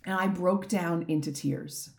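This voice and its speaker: A middle-aged woman from Canada hosts her own reflective podcast alone. Her voice is slightly croaky from a lingering throat infection. She speaks in an earnest, heartfelt way. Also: on the low side, a little slow. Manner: earnest, heartfelt, openly emotional. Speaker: business and life coach, podcast host. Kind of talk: reflective solo podcast monologue.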